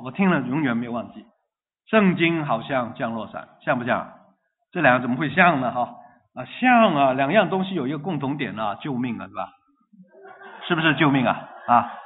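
A man preaching a sermon in a lively way, asking the congregation questions and repeating phrases in rhythm. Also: medium pitch. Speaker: pastor. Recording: tinny phone-like line.

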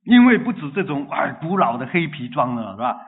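Male pastor, lively sermon, slightly high voice, thin phone-like sound. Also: brisk. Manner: lively, asks the congregation questions, repeats phrases rhythmically. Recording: tinny phone-like line.

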